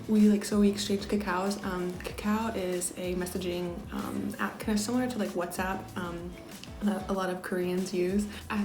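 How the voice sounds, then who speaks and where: Young american girl rambling through a travel story, lots of likes and ums, sometimes goes almost whispery, roomy echo. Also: fairly low pitch. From United States. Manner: chatty, many fillers, drops to a near whisper at times. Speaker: vlogger. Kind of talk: casual storytelling.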